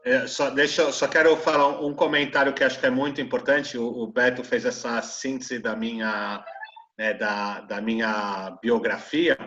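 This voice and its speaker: A man's voice: mid-range voice, fairly even intonation, moderate pace, fairly bright tone. A middle-aged man from Brazil, a guest speaker, talking casually and hesitantly in an online Q&A. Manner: hesitant, with restarts and fillers. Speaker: guest speaker, tour guide. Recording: dull, lo-fi call audio.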